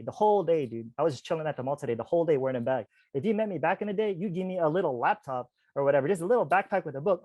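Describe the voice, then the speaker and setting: A man's voice: a little high, no echo. A man of forty telling a personal story as a podcast guest in a casual, chatty way, with frequent asides to listeners. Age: 40s. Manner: chatty, animated, many "like" and "you guys" asides. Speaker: podcast guest, spiritual teacher.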